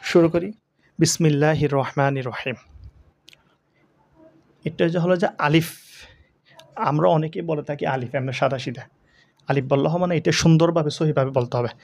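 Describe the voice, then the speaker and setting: Male Quran tutor with a Bangladeshi accent, unhurried, drilling letter sounds, asks and answers his own questions; slightly higher pitch, close dry sound. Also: gravelly, darkish tone, dry recording. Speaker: Quran teacher. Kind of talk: slow Arabic letter pronunciation lesson.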